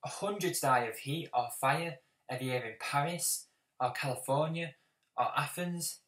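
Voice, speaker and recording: A man performing a stage monologue as a bleak schoolboy obsessed with doom, speaking slowly and with grim intensity. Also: a little high, a bit bright, natural voice. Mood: bleak, foreboding. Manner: slow, measured, grimly intense delivery with long pauses. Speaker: auditioning actor. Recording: roomy sound from a distance.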